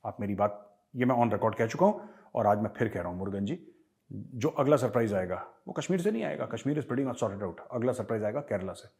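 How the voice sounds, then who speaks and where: A man's voice: on the low side, lively intonation, a little fast, darkish tone. An emphatic man with an Indian accent, hosting a casual Q&A with viewers and switching between Hindi and English. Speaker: host answering viewer questions. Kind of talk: casual commentary Q&A.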